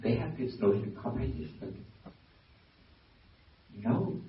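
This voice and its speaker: A man with a Burmese accent, a Buddhist monk giving a dharma talk, pausing and restarting often as he searches for words. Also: mid-range voice, expressive, slight background noise. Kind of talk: dharma talk to a lay audience. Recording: very echoey hall, distant mic, dull lo-fi sound.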